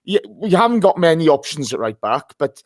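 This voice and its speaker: A man's voice: on the high side, sing-song, fairly quick, dry recording, studio quality. A hungover man hosting a casual live football fan show, talking in a blunt, matey way.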